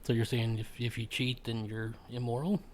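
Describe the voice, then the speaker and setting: A man's voice: medium pitch, little pitch movement, normal speed, slight background noise. Male podcast host, casual chat, hesitant delivery with frequent fillers. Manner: hesitant, full of ums and restarts.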